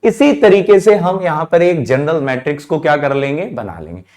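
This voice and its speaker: Male math teacher, somewhat high voice, drills students with repeated questions. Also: expressive, normal speed, darkish tone. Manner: asks students questions and answers them himself, repeating key terms; calls students "children", drops his voice at answers. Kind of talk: classroom lecture.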